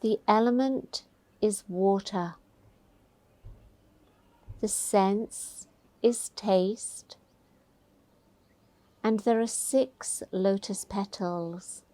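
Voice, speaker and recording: Soothing and unhurried, a woman with a medium-pitched voice gently talks listeners through a guided meditation. The recording is dry.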